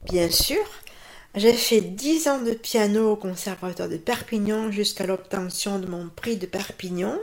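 A woman, a pianist and teacher calmly answering radio interview questions. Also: medium pitch. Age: 50s.

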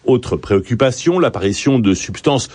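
A man filing a news report as a correspondent, with a slightly husky voice. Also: mid-range voice, animated, moderate pace, darkish tone.

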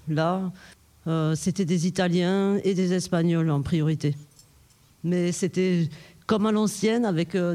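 A man in a casual group chat who talks in a drawn-out way and tags phrases with fillers. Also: high voice, mellow.

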